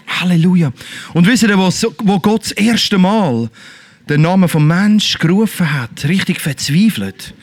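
Fervent preacher, high voice. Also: male voice. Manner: fervent, exclaims praise, addresses the congregation directly. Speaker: pastor. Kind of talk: sermon.

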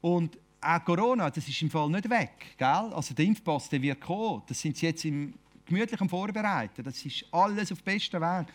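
Speaking with a Swiss German accent, a man delivers an informal sermon in a conversational way, repeatedly tagging phrases with a questioning "oder?". His voice is fairly high with lively intonation and a moderate pace.

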